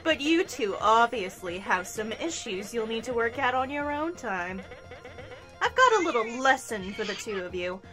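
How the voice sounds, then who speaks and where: A smug female villain, taunting in a theatrical, condescending way, as a woman reads her lines aloud. The voice sits high and swings widely in pitch, and it has a bright edge. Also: big pitch swings, normal speed, faint music behind. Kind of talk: reading game dialogue aloud.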